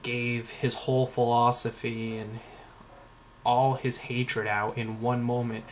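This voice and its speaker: A man's voice: medium pitch, flat delivery, slow, slight background noise. A young man telling a story in a casual vlog, sarcastic and rambling, full of fillers and swearing. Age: young adult. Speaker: vlogger.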